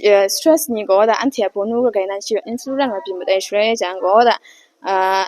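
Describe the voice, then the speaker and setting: A woman giving an unhurried talk, often pausing and hesitating. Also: mid-range voice, expressive, a little mellow.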